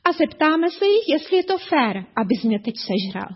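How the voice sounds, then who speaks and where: A woman voicing a frightened male hunter in a storybook tale, protesting loudly and urgently. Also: sits high, big pitch swings, voice pushed up. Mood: bargaining. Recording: dull lo-fi recording.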